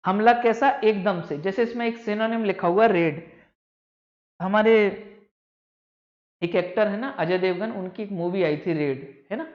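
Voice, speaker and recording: A man's voice: sits high, measured pace, pauses often. A man teaching a vocabulary lecture to exam students, explaining patiently, repeating key words and calling his students "beta". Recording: echoey room, dull lo-fi sound.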